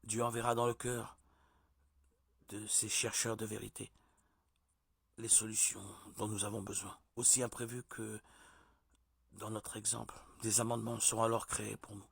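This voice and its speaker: A man giving a measured, deliberate religious teaching, like a sermon. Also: lowish voice, level tone, gravelly, fairly bright tone, husky, dry recording, studio quality. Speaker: preacher.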